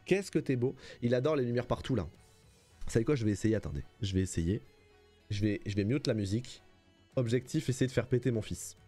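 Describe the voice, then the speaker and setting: A man's voice: medium pitch, brisk, warm tone, soft background music. A man streaming casually, chatting with viewers while playfully cooing at his baby son. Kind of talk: casual live-stream chat.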